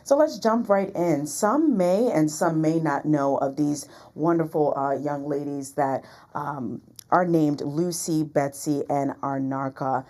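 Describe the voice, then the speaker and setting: A female news co-anchor with an American accent presents in a low-pitched voice. Her delivery follows a scripted broadcast style. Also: takes it slowly, few pauses, mellow.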